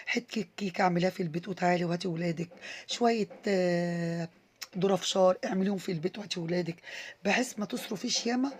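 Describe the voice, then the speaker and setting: A woman's voice: fairly low pitch, husky. A young Egyptian woman with an Egyptian Arabic accent, chatting enthusiastically to her viewers in a casual vlog voice-over. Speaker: vlogger.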